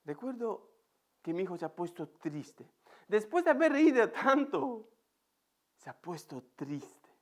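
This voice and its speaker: Man, accent from Spain, pastor, sermon, empty church, high voice, lively storyteller. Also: measured pace, pauses often. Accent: Spain Spanish. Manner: animated, vivid storyteller.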